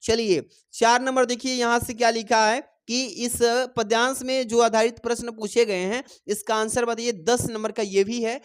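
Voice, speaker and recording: A man's voice: very high voice, little pitch movement, moderate pace, few pauses, clear, resonant tone. An encouraging male teacher coaches his students through exam questions, reading lines of verse aloud as he goes. He speaks to them fondly as "babu" and "dear children" and keeps reassuring them not to be afraid. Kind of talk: exam-prep lesson.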